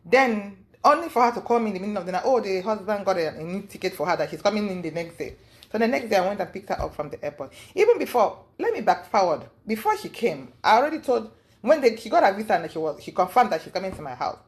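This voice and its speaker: A woman telling her story in a casual interview, rambling with many fillers and acting out what others said in a high voice. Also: sing-song, fast talker. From lives in the US. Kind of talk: casual storytelling recounting events.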